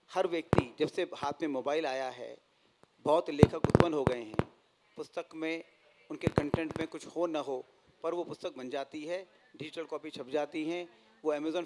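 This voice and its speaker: A man in his fifties, a publisher, giving a measured, formal talk on a festival panel. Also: fairly high pitch, darkish tone, low-quality recording. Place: stage at a literature festival.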